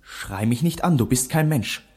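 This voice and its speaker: A man's voice: mid-range voice, lively intonation, measured pace, a little mellow, husky, voice pushed up. A man voicing an easygoing male dog in a storybook, grumbling plainly.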